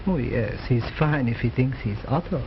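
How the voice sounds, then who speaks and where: A man's voice: mid-range voice, moderate pace, lightly acted. A man playing a weary, deferential employee in an old film drama. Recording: muffled old film soundtrack, faint noise.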